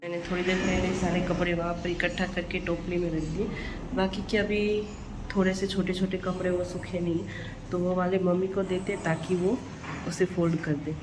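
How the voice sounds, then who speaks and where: A woman's voice: on the low side, little pitch movement, normal speed, noisy background. A young woman, chatting casually through a home vlog and laughing at herself. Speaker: vlogger. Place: family home, indoors and on a rooftop.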